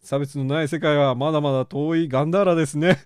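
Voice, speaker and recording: A man's voice: a little high, fast, smooth, no room sound, clean studio sound. A man hosting a solo podcast from a small room, reading listener letters and riffing on them with self-mocking humor and frequent laughter. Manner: animated, self-mocking, laughs often at his own jokes.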